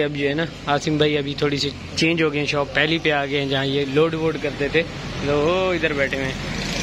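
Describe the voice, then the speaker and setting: A man, a father and family vlogger, narrating casually and bantering in a teasing, joking way as he moves around outdoors. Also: a little high. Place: outdoors on busy streets, moving about. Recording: loud street and vehicle noise.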